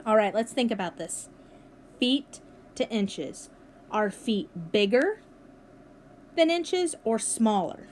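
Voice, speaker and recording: At home with her dog nearby, a woman teacher records a math lesson while she has the hiccups, staying upbeat and encouraging as she goes step by step. Her slightly high voice swings widely in pitch, moves slowly with frequent pauses, and there is slight background noise.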